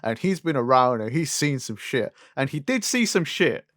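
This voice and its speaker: Young guy podcast chat, medium pitch, dry sound, swears a lot and rants in questions. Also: normal speed, no room sound. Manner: sweary, animated griping with rhetorical questions. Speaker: podcast co-host. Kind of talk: casual chat about animation and games.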